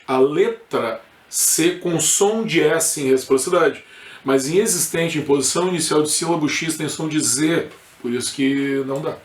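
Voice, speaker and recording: A man with a southern Brazilian accent from Rio Grande do Sul, teaching an informal exam review lesson and often checking in with his students. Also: a little high. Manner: informal, peppered with checks like "correto?" and "tá?". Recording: echoey room.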